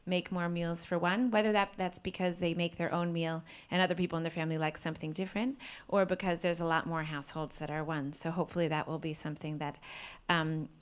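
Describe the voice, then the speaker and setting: Smooth-voiced woman moderating a panel. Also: on the low side, level tone, quick pace. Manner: warm, encouraging, affirming. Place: conference hall.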